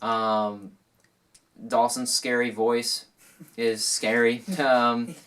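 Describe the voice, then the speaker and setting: A man's voice: mid-range voice, flat delivery, very slow, a bit bright, far from the mic. A young man co-hosting a casual chat, laughing often and full of fillers and restarts. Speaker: co-host.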